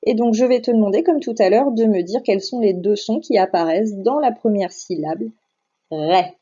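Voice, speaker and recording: Teacher speaking slowly, mellow voice. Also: female voice, mid-range voice, slightly rough. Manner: slow, careful, over-articulating sounds and syllables. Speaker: primary school teacher. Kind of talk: recorded phonics lesson for children. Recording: slightly dull lo-fi voice recording.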